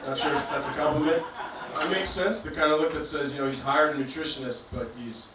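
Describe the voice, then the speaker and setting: A man's voice: fairly high pitch, a little fast, background noise. Male stand-up comic from Albania, dry self-deprecating delivery, far from the mic in a reverberant club. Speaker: stand-up comedian. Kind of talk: stand-up comedy set. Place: comedy club stage, performing to a live audience.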